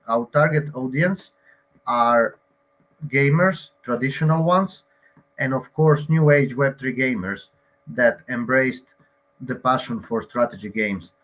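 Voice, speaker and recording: A man's voice: medium pitch, a little slow, a bit bright. A man from Croatia, a game co-founder, giving an online presentation with frequent hesitations and fillers.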